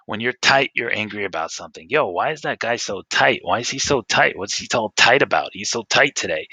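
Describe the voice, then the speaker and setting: A man's voice: low-pitched, sharp tone, no room sound, rough recording. A man from New York City with a New York accent, a school's foreign English teacher giving a casual talk to students and repeating words for stress.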